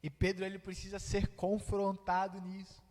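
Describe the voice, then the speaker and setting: A Brazilian man with a Brazilian Portuguese accent gives a sermon in a reverberant church hall, explaining the text and dramatizing its dialogue. His high, slightly mellow voice is completely flat in delivery and moves at a normal speed.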